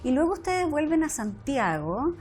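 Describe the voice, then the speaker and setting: A woman's voice: high voice, very animated, moderate pace, a little mellow, soft background music. A woman hosting an institutional interview show, introducing her guest and asking questions with lots of affirming replies. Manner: affirming, with frequent backchannel "claro". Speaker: interviewer, host. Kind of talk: broadcast interview.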